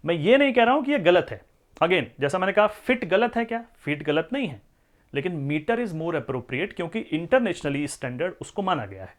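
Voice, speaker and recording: A man's voice: sits high, sing-song, moderate pace. A male maths teacher giving a lecture, who explains step by step, mixes in English number words and keeps asking the class whether they follow. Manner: explains step by step, often asks the class questions.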